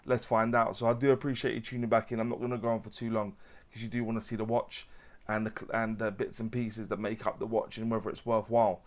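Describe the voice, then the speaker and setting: A man's voice: on the low side, level tone, fast talker. A man hosting a casual watch unboxing review, chatty and loose, with fillers and restarts.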